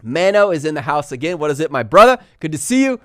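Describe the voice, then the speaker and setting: Man, fast-talking livestream host, slightly high voice, dry close recording. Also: no room sound. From Texas and California. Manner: fast-talking, energetic, reads comments aloud. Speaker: livestream host answering viewer questions. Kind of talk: casual live Q&A.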